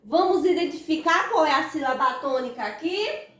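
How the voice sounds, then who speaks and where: A woman's voice: sits high, lively intonation, normal speed, a bit bright. A woman teaching a grammar lesson to primary school children with a Brazilian Portuguese accent, drawing out stressed syllables in sing-song calls. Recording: echoey room, voice far from the mic.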